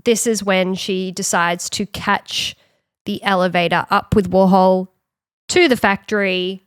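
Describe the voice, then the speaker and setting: Woman podcast host telling the story, mid pitch, dry close sound, acts out quotes. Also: smooth, no echo. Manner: animated retelling with quick acted-out quotes. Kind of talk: casual storytelling chat.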